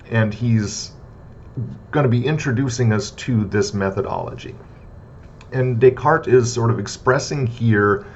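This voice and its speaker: Male lecturer, lowish voice, casual and chatty, lots of fillers, slightly dull lo-fi recording with faint rumble. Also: darkish tone. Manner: conversational, frequent "right?" and "uh" fillers; repetitive list-like debunking of myths. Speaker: philosophy lecturer.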